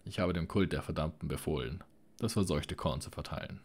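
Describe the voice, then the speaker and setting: Audiobook villain: a man playing a smug old necromancer, soft purring menace, very deep voice. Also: fairly quick. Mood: silky menace.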